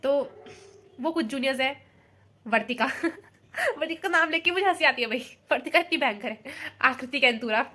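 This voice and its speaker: A woman's voice: high voice, expressive, normal speed, sharp tone. A young woman vlogging in casual chat, emotional and affectionate, rambling as she talks. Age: young adult.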